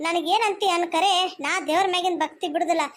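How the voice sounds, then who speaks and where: A devout young wife from a cartoon, voiced by a woman, pleading tearfully in a North Karnataka accent. Her voice is very high and thin. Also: fairly even intonation, fast talker. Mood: hurt. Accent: North Karnataka Kannada.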